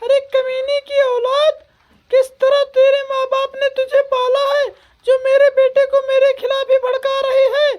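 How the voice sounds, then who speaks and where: A nagging, greedy old mother-in-law from a comedy cartoon, voiced by a woman. She scolds and hurls insults in a very high, squeaky voice. The tone stays flat and even. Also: unhurried. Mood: scolding. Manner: scolding, insulting, dramatic complaints.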